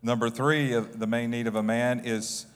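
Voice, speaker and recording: A male pastor preaching with humor in short phrases, pausing for an interpreter. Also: medium pitch, level tone. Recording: long reverb of a large hall.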